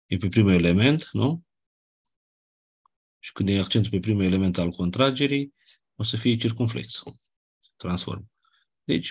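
Man, language teacher, husky voice, somewhat low pitch, explanatory lecture, checks understanding. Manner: explanatory, asks 'nu?' and 'da?' to check understanding. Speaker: Ancient Greek teacher.

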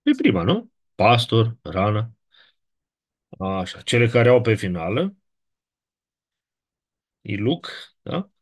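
A man with a Romanian accent teaching a Latin class, explaining in a measured way and often checking in with the students. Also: mid-range voice, big pitch swings, a little mellow, breathy edge. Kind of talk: classroom lecture.

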